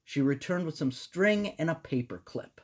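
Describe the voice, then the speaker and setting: A woman reads a children's story as its narrator. Her voice is low and husky, and it rises and falls in a lively storytelling style. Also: moderate pace.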